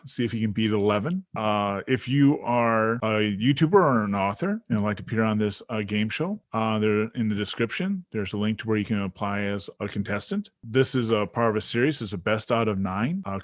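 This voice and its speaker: Lively, teasing game show host, a man. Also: mid-range voice, no echo, studio quality. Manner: animated, laughs often, teasing. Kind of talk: casual online game show hosting.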